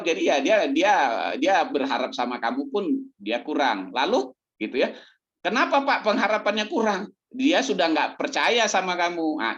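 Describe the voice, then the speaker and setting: A man's voice: fairly high pitch, a bit bright, highs cut off. A man preaching a sermon as pastor, in a conversational, humorous way, often posing questions and then answering them himself.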